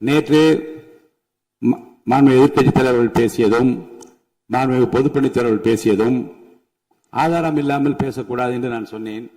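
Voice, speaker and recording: A man acting as assembly speaker, giving a formal, measured ruling to the house. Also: medium pitch, dark tone, in a large hall, low-quality recording. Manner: formal, measured, chairing the session. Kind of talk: procedural ruling. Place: legislative assembly hall.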